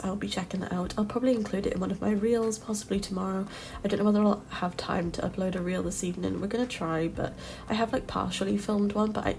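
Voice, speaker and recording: A Sims content creator chats over her build from a home room, her mid-range voice gravelly and a touch nasal from hay fever. She rambles with plenty of ums and little laughs, and her home voiceover mic picks up a faint hiss or hum and traffic from the street.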